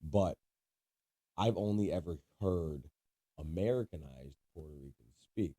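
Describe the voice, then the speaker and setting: With a low-pitched, dark-toned voice at a measured pace, a man co-hosting a casual podcast teases his friend, laughs frequently and explains things at length in easy chat.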